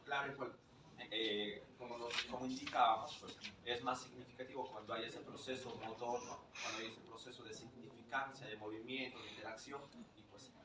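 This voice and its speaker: A man explaining ideas in a training session, often adding a tag question. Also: mid-range voice. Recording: distant mic in an echoey room with clear noise.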